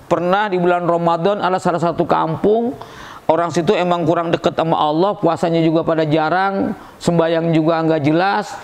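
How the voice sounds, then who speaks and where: A middle-aged man preaching. His voice sits high for a man and carries a gravelly rasp. He tells his sermon as a string of jokes and stories, acting out the voices and leaping up in pitch to stress a point. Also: steady tone, normal speed. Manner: storytelling with jokes, acts out voices, swings high and loud for emphasis. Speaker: preacher at a school Ramadan program. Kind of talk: humorous Ramadan sermon.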